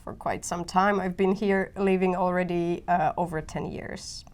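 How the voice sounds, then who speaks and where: Animated Polish-accented woman in her thirties. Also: fairly low pitch, moderate pace. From Poland. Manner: animated, frequent fillers and restarts, laughs easily. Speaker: guest artist. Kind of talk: casual interview chat.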